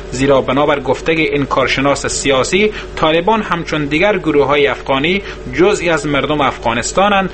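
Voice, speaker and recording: A man, a radio correspondent, reading a formal news report in a measured tone. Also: a little high, background noise.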